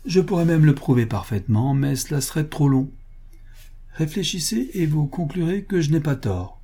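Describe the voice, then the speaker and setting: A man's voice: on the high side, animated, moderate pace, dark tone, breathy edge, pitched above the performer's own voice. A male audiobook reader playing a blasé, self-assured aristocratic marquis with an ironic manner. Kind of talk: audiobook character voice.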